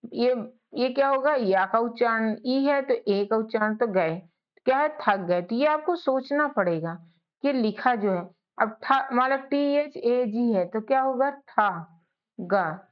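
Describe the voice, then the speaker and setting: A woman teaching English spelling to beginners, drilling sounds letter by letter and often asking and answering her own questions. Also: on the high side. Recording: dull lo-fi audio.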